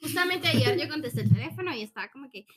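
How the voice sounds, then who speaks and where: A woman's voice: high voice, expressive, fast talker. A Guatemalan woman in casual chat, telling a story and acting out the quoted dialogue with animation.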